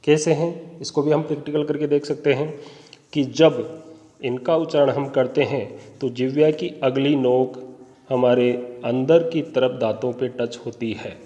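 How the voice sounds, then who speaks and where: Slow, deliberate male teacher in a reverberant room. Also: medium pitch, fairly even intonation, warm tone, highs cut off. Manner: slow, deliberate, spells out sounds one by one; addresses viewers as friends. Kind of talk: exam-prep Sanskrit phonetics lesson.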